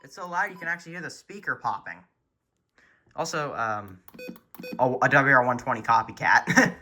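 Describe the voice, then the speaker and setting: A man of medium pitch speaks at a normal speed with lively intonation. Filming handheld and off screen in an indoor room at home, he chattily presents his weather radio collection as an enthusiastic hobbyist. The recording has faint noise and the sound of buttons clicking.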